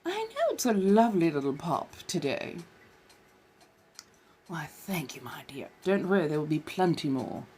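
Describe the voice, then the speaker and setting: Putting on a posh colonial American accent, a Californian woman hosts a casual livestream in a low, warm, sing-song voice at a moderate pace. Her phrasing is affectedly genteel, she calls viewers dears and darlings, and there's slight background noise.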